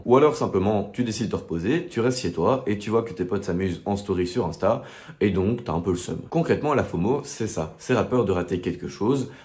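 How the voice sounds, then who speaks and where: A man's voice: fairly low pitch, darkish tone. A young man, presenting a casual explainer for students and talking straight to the viewer with chatty fillers. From Belgium.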